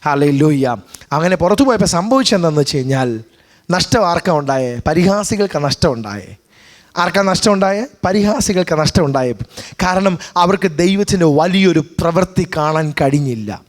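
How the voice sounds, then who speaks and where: Man, pastor, Malayali accent, high voice, bilingual sermon, frequent hallelujahs. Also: expressive, moderate pace. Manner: preaching with repeated hallelujahs and amens, switching between two languages.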